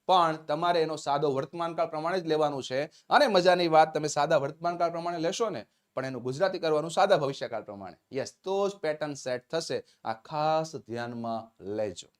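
A man with a Gujarati accent teaching spoken English in a live-streamed lesson, upbeat and encouraging, slowly drawing out English phrases as he dictates them. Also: fairly high pitch. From Gujarat, India.

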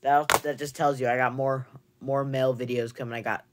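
A man's voice: medium pitch, level tone, moderate pace. A young man in a casual haul video, chatting and rambling with many fillers, recorded on a camera mic in a room at home. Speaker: movie collector vlogger. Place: indoor room with shelves of movies. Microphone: camera mic, seated facing camera.

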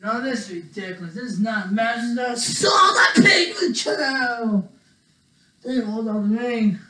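A gamer giving excited play-by-play of a wrestling video game, yelling, swearing and counting pins aloud, sometimes out of breath. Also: mid-range voice, fairly quick. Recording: echoey room, mic far off, faint hiss.

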